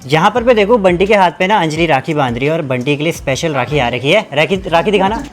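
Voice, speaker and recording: A young man from Uttarakhand vlogging at home with his family, chatting warmly and switching into slow, halting English for his viewers. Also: on the high side, lively intonation, faint music behind. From Uttarakhand, India. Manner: chatty, warm toward family. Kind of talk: casual vlog chat.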